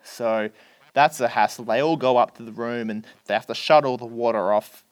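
A man's voice: medium pitch, moderate pace, smooth, no echo. A man, chatting on a podcast and retelling a film plot, acting out the characters' lines. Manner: animated storyteller, acts out characters' lines.

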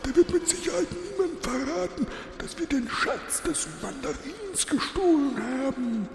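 A man's voice: very high voice, animated, moderate pace, vocal fry, reverberant, in a large hall, slight background noise, voice pushed up, exaggerated voice. A man voicing a cocky male thief in a storybook, whispering dismissively.

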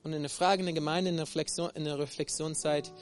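A man from Texas with an American accent preaching a sermon, halting often with fillers and restarts and ending many phrases with a tag question. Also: fairly high pitch, fairly even intonation, soft background music. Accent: American English. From Texas, USA.

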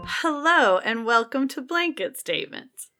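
A woman co-hosting a podcast in casual, informal chat with a bright voice. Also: high voice, expressive, measured pace, music in the background. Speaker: podcast co-host.

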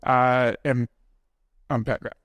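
The voice is mid-range and fairly flat in pitch, slow, a little bright, with no echo but dull-sounding audio. A New Zealand man gives an informal sermon at church, joking about himself and chatting with the people listening.

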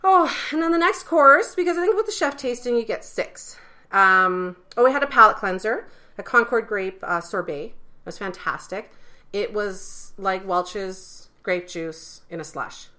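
Bright-voiced chatty woman. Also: mid-range voice, measured pace. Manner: chatty and excitable, laughs often. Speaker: podcast co-host. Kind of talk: casual chat about food and drinks.

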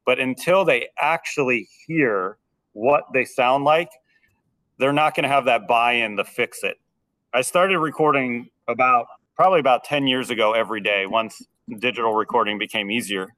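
In a relaxed podcast conversation, a thirty-something band teacher explains how he runs his program. His medium-pitched voice is pushed, bright, and slightly nasal at a normal pace. Sitting a bit back from the microphone, he sounds a little far off, and he often stumbles and repeats words while getting sentences going.

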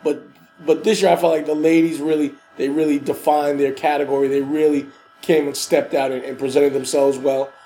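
A man's voice: a little high, flat delivery, fairly quick, dark tone, slight background noise, poor audio. A man with a stuffy nose from a cold, co-hosting a podcast in casual, slangy chat with emphatic repeated phrases. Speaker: podcast co-host.

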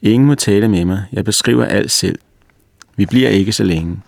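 A man voicing a grave, self-assured little girl in a spoken story, calm and earnest, in a low gravelly voice with a dry, close sound. the girl is told in the reader's own deep tone rather than a child's voice. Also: dry recording. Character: earnest little girl recalling a past life.

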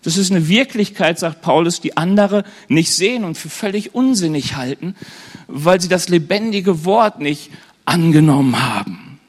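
A man's voice: on the high side, lively intonation, normal speed, husky. A man preaching a sermon to a live congregation in a conversational way, often turning to the listeners with questions and slipping in light humorous asides.

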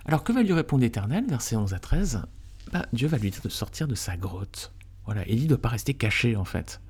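With a mid-range voice that is very animated, a little fast and breathy, a male Bible teacher runs an informal study. After reading passages of scripture aloud, he explains them casually, tossing in frequent tag questions and addressing his audience warmly as friends.

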